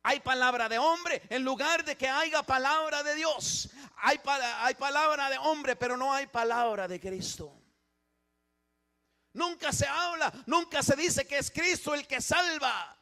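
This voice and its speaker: A man preaching in a church with a voice pitched very high for a man and a bright, forceful edge. He drops to hushed passages and then builds to loud, emphatic ones, often repeating and restarting his phrases as he presses a point. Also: a little slow. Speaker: pastor. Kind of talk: sermon.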